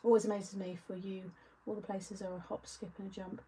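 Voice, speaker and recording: A woman's voice: mid-range voice, level tone, fairly quick, dark tone, a little hiss or hum, rough recording. A woman hosting a live craft-along, chatting casually and answering viewer comments as she works. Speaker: craft show host.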